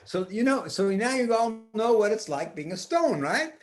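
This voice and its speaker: A man's voice: sits high, sing-song, moderate pace. An older man telling a rambling, improvised story to children like a grandfather, often restarting and talking to the listening kids.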